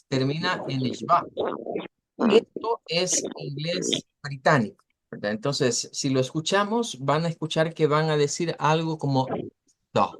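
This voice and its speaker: A man teaching English pronunciation in Spanish in an online class, explaining patiently, repeating words slowly and using many fillers. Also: fairly high pitch.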